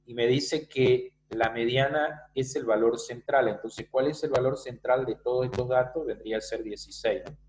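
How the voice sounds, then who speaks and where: Male teacher, online class, step-by-step explaining, ordinary pitch, checks in with students. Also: darkish tone, slight background noise, low-quality recording. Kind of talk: online math lesson. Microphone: video call.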